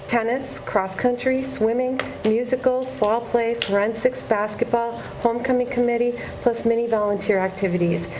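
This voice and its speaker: A woman, a school district administrator, giving announcements at a board meeting, reading out names, dates and awards. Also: fairly high pitch. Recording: noisy community TV recording.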